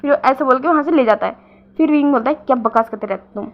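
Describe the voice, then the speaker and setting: A woman with a fairly high voice casually retells a romance fan story. She talks loosely, often stopping on fillers and correcting herself mid-sentence. The recording sounds dull and lo-fi. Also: fast talker. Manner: frequent fillers and self-corrections.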